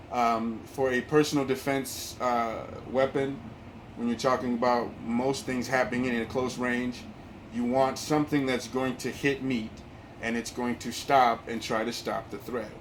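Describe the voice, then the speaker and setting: A man's voice: mid-range voice, poor audio. A man speaking through a face mask in a casual, rambling opinion vlog, hesitating and repeating words as he goes. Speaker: video host. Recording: clear background noise.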